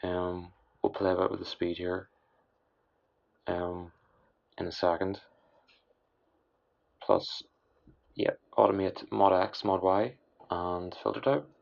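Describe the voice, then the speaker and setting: Low, creaky, hoarse man with breathy rasp. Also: level tone. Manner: halting, trailing, mumbled. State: hoarse, worn-out late-night voice. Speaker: music production tutorial host. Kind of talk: casual unscripted software tutorial. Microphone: voice-over on screen recording. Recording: dull, lo-fi voice-over.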